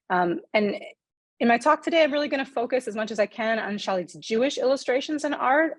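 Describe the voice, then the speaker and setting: A woman's voice: mid-range voice, no room sound. A woman in her forties presenting her book in an online lecture, earnest, with frequent ums and self-corrections.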